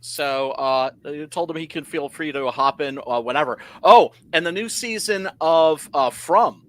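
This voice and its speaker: A man co-hosting a podcast, chatting casually about films with lively, mocking asides. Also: on the high side, a little slow, dry recording. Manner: animated, mocking impressions, swears. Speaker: podcast co-host. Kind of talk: casual movie chat.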